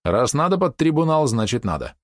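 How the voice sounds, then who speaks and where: A man voicing a calm, wry male hacker who talks with a smirk. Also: mid-range voice, fairly quick, dry recording, clean studio sound, pitched above the performer's own voice, natural voice.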